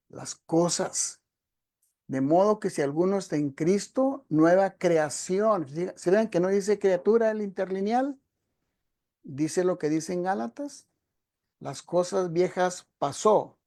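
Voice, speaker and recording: A male preacher gives a teaching sermon, explaining a passage step by step and often turning to the congregation directly, calling them brothers and sisters. His voice is high-pitched and gravelly with a dark tone.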